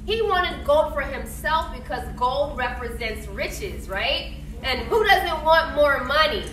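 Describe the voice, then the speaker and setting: In an indoor classroom, a woman with a high voice teaches young children, questioning them about a read-aloud and explaining things in a supportive, didactic manner. She's an elementary teacher, and the distant recording picks up lots of echo and classroom noise.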